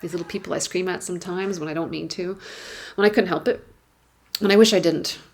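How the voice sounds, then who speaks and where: Low-voiced woman reading a wry essay. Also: fairly even intonation, a little fast. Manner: wry, candid, swearing, building to emphatic repetitions. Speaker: writer reading her work at an awards gala. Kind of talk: expressive live reading of a personal essay. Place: stage at a gala event.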